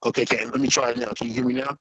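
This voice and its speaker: A man speaks in a husky, bright voice over a video call whose audio keeps chopping up and breaking apart. He talks in a measured, questioning way, and his words come through close and dry. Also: mid-range voice, flat delivery, dry recording, lo-fi sound. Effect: choppy, breaking-up internet call audio. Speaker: debate participant. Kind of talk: casual online discussion.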